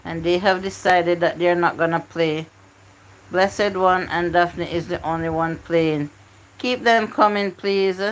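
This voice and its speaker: A woman's voice: on the low side, steady tone, a little slow, low-quality recording. A woman hosting a live stream word game, coaxing and pleading with her chat to join in.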